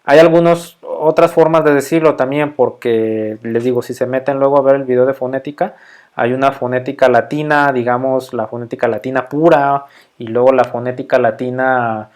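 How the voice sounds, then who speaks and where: A man's voice: mid-range voice, steady tone, moderate pace, darkish tone, smooth. Mexican male lecturer, middle-aged, conversational and filler-heavy, keeps checking in with the class. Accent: Mexican Spanish. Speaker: university microbiology lecturer. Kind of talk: casual recorded lecture.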